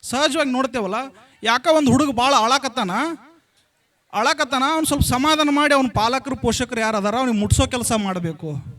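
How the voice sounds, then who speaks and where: A man with a markedly high voice and a North Karnataka accent gives a blessing address at a school celebration. He tells a homely parable, repeats his key lines and keeps asking the audience questions. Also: fairly quick, pushed and bright. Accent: North Karnataka Kannada. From Karnataka, India. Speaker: religious leader giving a blessing address. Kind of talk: storytelling speech to a school gathering.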